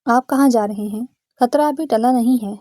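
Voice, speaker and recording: A woman's voice: on the high side, dark tone, no room sound, clean studio sound, close to an everyday voice. A woman voicing a frightened, tender-hearted young woman who speaks anxiously. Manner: anxious, tearful.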